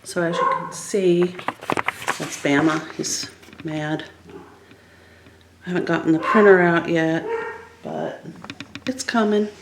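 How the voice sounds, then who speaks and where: A woman with a lowish, expressive voice chats casually to her viewers in a rambling home vlog, speaking slowly and pausing often. She's indoors in the emptied rooms of a house, so the recording sounds echoey, with some background noise.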